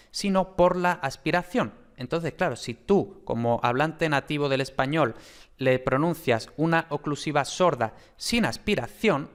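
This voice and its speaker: Man lecturing. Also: on the high side. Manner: explanatory, many fillers and hesitations. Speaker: phonetics teacher.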